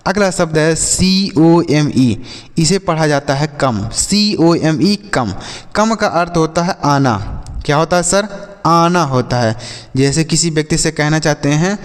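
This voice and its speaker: A man with an Indian accent teaching English words, spelling each one out letter by letter and repeating example sentences slowly. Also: on the high side, long reverb tail. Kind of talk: slow spoken-English lesson.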